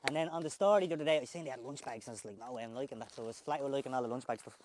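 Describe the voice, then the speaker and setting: A man's voice: medium pitch, rapid-fire, noisy background. Joking, swearing Irish tradesman. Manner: joking, swearing, talks to the camera person. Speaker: tradesman unboxing work gear. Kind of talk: casual unboxing chat.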